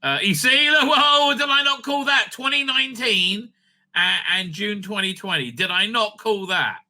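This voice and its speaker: This man's voice sits high, with a sharp tone and normal speed. He hosts a fan news show and rambles through unscripted, sweary commentary while looking over a screen.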